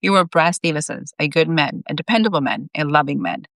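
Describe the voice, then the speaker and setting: A woman reading aloud as Saint Peter, a teasing, sharp-tongued male saint who guides a newcomer. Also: low voice, brisk, no echo. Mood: wry. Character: wry, blunt male saint guiding a newcomer.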